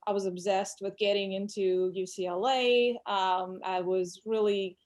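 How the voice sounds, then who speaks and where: A woman's voice: mid-range voice, little pitch movement, a little slow. Woman telling her story. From Russia. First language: Russian. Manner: candid, reflective storytelling. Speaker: employment lawyer, guest. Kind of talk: casual interview chat.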